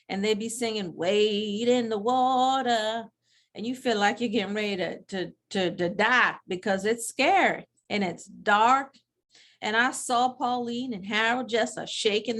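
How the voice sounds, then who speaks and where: A woman's voice: mid-range voice, close to an everyday voice. A woman playing a sassy, blunt elderly grandmother from church, telling a comic story in a chatty, rambling way with many restarts. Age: older. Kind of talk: comedic character monologue.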